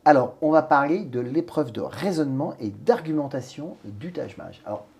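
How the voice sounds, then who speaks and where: A male interviewer introduces his guest and asks short, formal questions. His voice is dark and mellow with a strongly husky, breathy texture, and he moves briskly from one prompt to the next. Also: a little high, animated.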